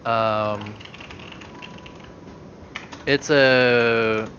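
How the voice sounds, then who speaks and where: A man's voice: medium pitch, steady tone, very slow, a bit bright, highs cut off, a little hiss or hum. A man narrating a tabletop game as game master, hesitant and full of fillers.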